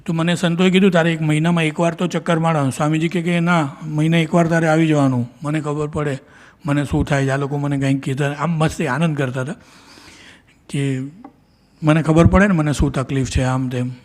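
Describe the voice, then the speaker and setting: A middle-aged devotee from India gives a personal spiritual testimony to a devotional gathering, recounting memories with earnest storytelling, acting out quoted dialogue, and frequently restarting sentences. His voice is fairly high, flat in delivery, and a little fast.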